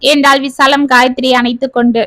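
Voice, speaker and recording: A woman narrating a family story in an expressive, steady storytelling style. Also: high voice, a little fast, dry recording.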